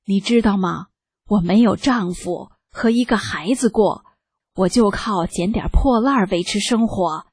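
A poor old woman who gathers scrap, speaking with tearful gratitude, as a woman reader voices her. The delivery is very slow and a little husky. The sound is close and dry. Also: mid-range voice, darkish tone, dry recording. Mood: grateful tearful. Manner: grateful, emotional pleading.

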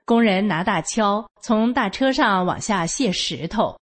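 A woman's voice: medium pitch, expressive, measured pace, slightly rough. An older woman from Northeast China with a Northeastern Mandarin accent, telling a personal story in a homely, matter-of-fact way. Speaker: storyteller sharing a personal account.

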